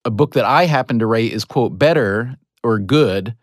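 A man's voice: medium pitch, animated, normal speed, dry recording, clean studio sound. A man in a casual podcast conversation as a guest author, rambling through his thoughts and laughing at his own slips. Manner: rambling, self-deprecating, laughs at himself.

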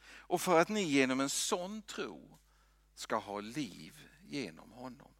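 A man preaching a sermon in a church, swinging from loud lines to hushed whispers. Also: medium pitch, wildly swooping pitch, creaky, no echo. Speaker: pastor.

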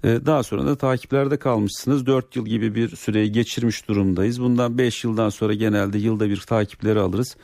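A man's voice: fairly low pitch, steady tone, a little fast, vocal fry, hardly any pauses, a little mellow, dry recording, studio quality. A man speaking as a doctor, explaining medical advice to callers on a radio show. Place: radio studio.

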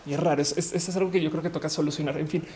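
With a low, steady, warm voice that races along, she chats loosely with her livestream audience, stumbling through fillers and restarts. She's from Colombia, lives in Mexico, and a little background noise is audible.

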